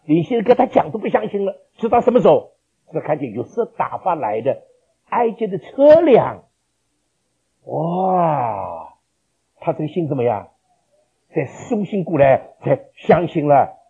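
A man preaching a sermon, asking rhetorical questions and swinging between loud, dramatic lines and quiet ones. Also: on the high side, husky. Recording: lo-fi dull recording.

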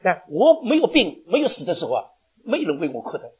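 A man's voice: high voice, huge pitch swings, fast, darkish tone, slightly rough. A man preaching a sermon, telling stories in a chatty way with laughs and stammered restarts.

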